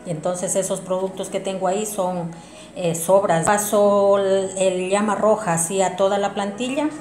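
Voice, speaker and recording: A woman explains each step of a craft project directly to viewers in an informal tutorial filmed in a small domestic room. She speaks at normal speed with a medium-pitched, darkish voice and fairly even intonation. Roomy echo, background music and a little hiss or hum are audible.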